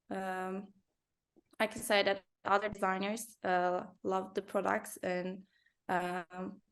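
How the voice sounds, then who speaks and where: Slow, hesitant woman founder. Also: mid-range voice, a bit bright, smooth. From Turkey. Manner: hesitant, many fillers, slow careful English. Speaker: company founder, industrial designer. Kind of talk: business interview.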